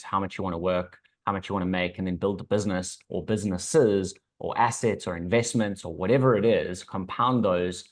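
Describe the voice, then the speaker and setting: Low-pitched South African man giving advice. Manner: assured, instructive, checks in with "right". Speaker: business consultant, podcast guest. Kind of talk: conversational advice.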